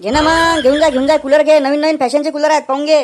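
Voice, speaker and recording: A woman voicing a pushy male cooler seller in a village cartoon, talking in a Vidarbha Marathi accent with loud, brash sales patter. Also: sits high, fairly even intonation, quick pace, lightly acted. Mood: boasting. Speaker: voice actor. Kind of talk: cartoon comedy voice acting.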